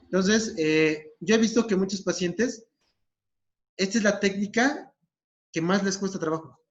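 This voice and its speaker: A man's voice: high-pitched, a little slow. A man with a Mexican accent explaining a therapy technique in a recorded lesson, often checking in with his listeners. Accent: Mexican Spanish. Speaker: psychologist. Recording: dull lo-fi recording.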